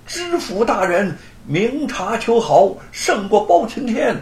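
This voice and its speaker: An eager young friend, as a storyteller puts him on, bursting with admiring praise. The pitch leaps about and the recording has a roomy echo. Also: male voice, normal speed. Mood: excited. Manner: excited, loud praise.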